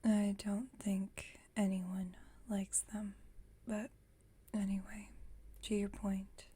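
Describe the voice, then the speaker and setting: In an ASMR roleplay, a woman voices a centuries-old female vampire roommate who is calm and dryly witty. She whispers softly and breathily in a mid-range voice, taking her time with gentle, slightly formal phrasing. The mood is calm and reflective.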